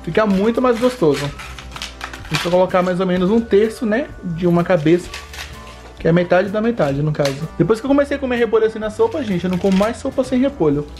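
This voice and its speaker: Fast-talking young Bahian Brazilian man. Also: high voice, animated, darkish tone, faint music behind. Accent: Bahian Brazilian Portuguese. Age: young adult. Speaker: host of a cooking vlog. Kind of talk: casual chat to viewers while cooking. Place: home kitchen, indoors.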